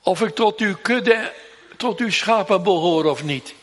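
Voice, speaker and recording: A man preaching a sermon in a church, solemn and emphatic, drawing out repeated pleas slowly. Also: high voice. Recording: long reverb of a church hall.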